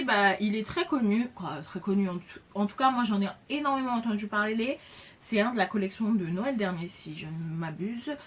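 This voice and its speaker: A woman's voice: mid-range voice, a little hiss or hum. A woman chatting casually in a beauty haul video, enthusiastic, with lots of fillers and repeated words. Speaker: beauty vlogger.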